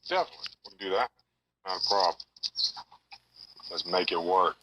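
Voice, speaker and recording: A man's voice: low-pitched, fairly quick, background noise. A man from Louisiana, a wrestler calling in as a guest, heard over a phone on speakerphone and talking in an easygoing way. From Louisiana, USA. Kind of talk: casual phone interview.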